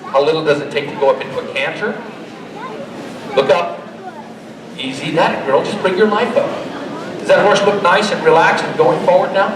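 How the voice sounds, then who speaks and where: A middle-aged man giving a live demonstration and pitch to an audience in a folksy, joking, motivational way, as a trainer. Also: normal speed, long pauses. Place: large indoor horse expo arena. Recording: echoey expo hall, distant, crowd noise. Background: crowd.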